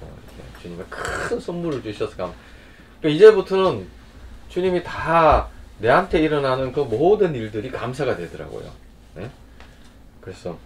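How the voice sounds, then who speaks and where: A man pastor preaching a sermon in a conversational way, prompting listeners often and swinging between loud bursts and quiet asides. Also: medium pitch, slight background noise.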